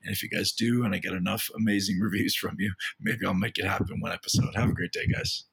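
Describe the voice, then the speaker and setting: A man with a hoarse, raspy, gravelly voice, talking casually as a podcast host in a solo segment. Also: deep voice, steady tone, fast, fairly bright tone.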